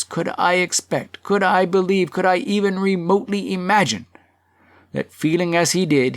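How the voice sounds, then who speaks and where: A man's voice: fairly high pitch, no echo, studio quality, lightly acted. A man voicing a self-righteous male townsman who defends himself in an earnest, persuasive public speech in a storybook reading.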